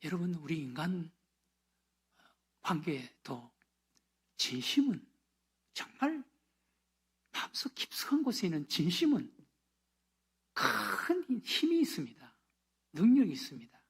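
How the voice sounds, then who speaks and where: A pastor preaching a sermon, swinging from loud emphasis down to hushed whispers and dropping short affirmations between phrases. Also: mid-range voice, big pitch swings, unhurried, long pauses, breathy edge.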